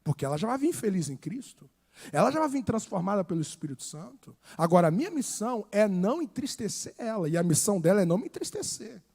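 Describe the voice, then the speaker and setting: A Brazilian pastor preaching a sermon, repeating phrases and swinging from hushed lines to shouted ones. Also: male voice, high voice, sing-song, fast, slightly rough. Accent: Brazilian Portuguese.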